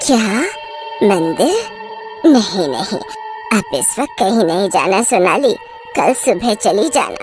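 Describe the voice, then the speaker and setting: A woman voicing a strict older mother-in-law who scolds slowly and firmly in a low voice. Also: very animated, over music. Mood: stern. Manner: firm, scolding, slow and insistent.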